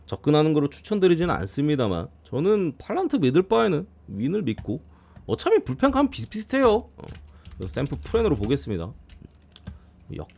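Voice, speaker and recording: A man giving a casual streamed preview of baseball games, blunt and quick to swear and grumble. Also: on the high side, wildly swooping pitch, creaky, darkish tone, slightly rough. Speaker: baseball betting analyst streamer.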